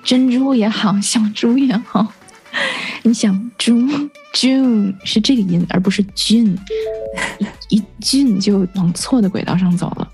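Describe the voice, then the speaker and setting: A woman's voice: mid-range voice, unhurried, darkish tone, faint music behind. A woman teaching English vocabulary on a radio lesson, patiently explaining words and spelling them out letter by letter.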